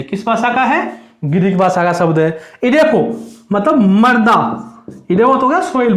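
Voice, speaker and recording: A high-pitched male teacher runs an exam-prep class, firing a question upward and answering it himself on a low note, over and over. His voice rings around a bare, echoey room. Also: a bit bright. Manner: drills students with repeated question and answer.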